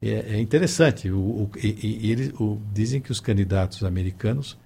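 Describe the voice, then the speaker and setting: Gravelly low-voiced man, hesitant. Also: brisk, dark tone. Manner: hesitant, many fillers and restarts. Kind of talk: casual conversation.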